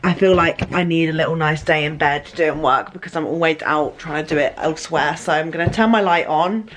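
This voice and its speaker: A woman's voice: low voice, fairly quick, a little hiss or hum. A woman in her early twenties with an English accent, chatting casually to her vlog, her speech slightly lisped by retainers. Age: early 20s. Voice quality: slight lisp from wearing retainers. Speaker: student vlogger.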